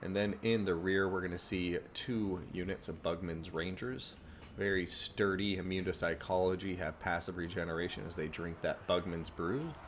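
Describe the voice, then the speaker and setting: A man giving relaxed, chatty live commentary on a strategy game tournament from his streaming setup. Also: low-pitched, slight background noise. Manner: relaxed, chatty play-by-play with asides. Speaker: tournament caster and stream host.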